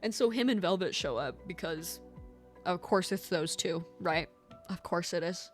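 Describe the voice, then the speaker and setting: A young woman vlogging a casual episode recap, excitable and rambling, swearing freely. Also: fairly low pitch, normal speed. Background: faint lo-fi background music.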